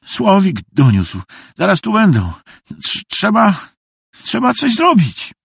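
A man's voice: high voice, big pitch swings, takes it slowly, no room sound, pitched above the performer's own voice, exaggerated voice. A man doing a breathless, stammering boy. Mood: urgent, panicked. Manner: urgent, stammering, hoarse whisper.

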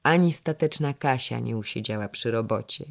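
Measured storybook narrator. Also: mid-range voice, vocal fry. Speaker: audiobook narrator. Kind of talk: scripted narration of a historical novel.

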